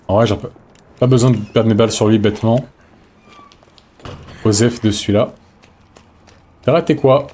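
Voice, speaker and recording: A man's voice: on the low side, moderate pace, pauses often, mellow, a little hiss or hum. A man streaming a horror game live, chatting casually with slang and talking to himself and his viewers as he plays. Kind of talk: live let's-play commentary.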